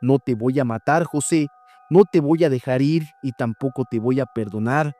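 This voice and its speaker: A man voicing a huge dark male wolf-beast in a storytelling reading, talking slowly and domineeringly. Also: medium pitch, faint music behind, natural voice. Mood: menacing. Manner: slow, deliberate, domineering.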